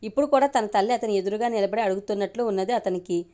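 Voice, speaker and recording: A woman storyteller reading a love story aloud with steady, measured narration. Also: medium pitch.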